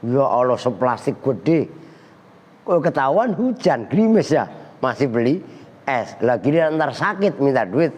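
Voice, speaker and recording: A man teaching Arabic grammar from a kitab to boarding-school students, reciting slowly and teasing and scolding them in between. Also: mid-range voice. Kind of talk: pesantren kitab lesson. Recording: dull lo-fi audio in a reverberant hall.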